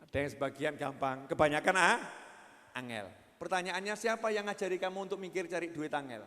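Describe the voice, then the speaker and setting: A man's voice: a little high, brisk, sharp tone. A man with a Javanese accent preaching a sermon to a gathering, telling humorous stories and putting questions to the crowd. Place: religious gathering. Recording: long hall reverb.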